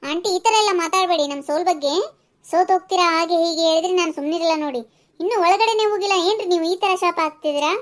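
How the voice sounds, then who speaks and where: A woman voicing a squeaky defensive young contestant. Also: rapid-fire. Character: young female reality-show contestant, defensive. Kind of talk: cartoon voice acting.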